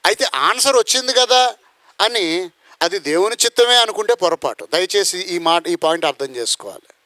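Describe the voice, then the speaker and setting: A man's voice: high-pitched, sharp tone, dry recording. A man preaching a sermon, firing rhetorical questions and acting out the voices in his story. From India. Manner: rhetorical questions, acts out quoted voices, bursts into song. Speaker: pastor.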